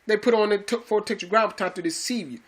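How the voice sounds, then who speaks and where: Speaking quickly in a high, fairly bright voice, a man teaches scripture to his followers. His delivery is emphatic and preachy; he repeats himself and calls the listeners brothers and sisters.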